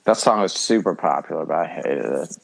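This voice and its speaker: A man co-hosting a casual music podcast, laid-back and joking, sometimes speaking in quick bursts. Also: very deep voice, expressive, vocal fry, slight background noise. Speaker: podcast co-host. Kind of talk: casual chat.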